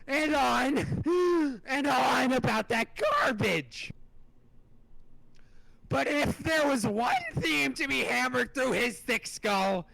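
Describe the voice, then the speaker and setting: A man voicing Karkat, a furious young male troll who rants and shouts as he reads a webcomic aloud. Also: dry recording, full character voice, low-quality recording. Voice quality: gravelly, shrill shouting. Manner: ranting, slow and emphatic. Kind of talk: dramatic reading of a webcomic.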